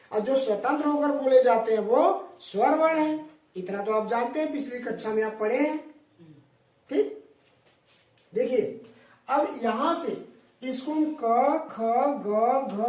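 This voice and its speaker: A woman's voice: a little high, warm tone. A woman teacher giving a classroom lesson, drilling questions and answers. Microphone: far camera. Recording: echoey room from far off.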